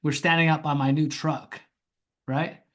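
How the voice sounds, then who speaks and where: A man telling a story as the guest in a podcast interview. His delivery is casual and animated, he acts out the voices in his story and swears freely. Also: on the high side, measured pace. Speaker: guest, pond construction company founder.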